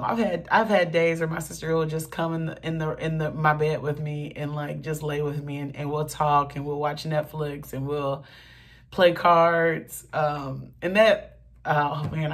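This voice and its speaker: Low, unhurried woman vlogging. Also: gravelly. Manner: earnest, heartfelt, with many fillers. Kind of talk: casual get-ready-with-me vlog.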